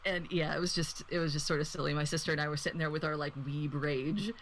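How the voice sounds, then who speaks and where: A woman in her thirties speaks in a notably low, deep voice. She talks as a guest in a relaxed podcast discussion, rambling and laughing often as she wanders off on tangents. A faint noise sits behind her voice. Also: fast talker. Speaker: guest reviewer. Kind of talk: casual podcast chat.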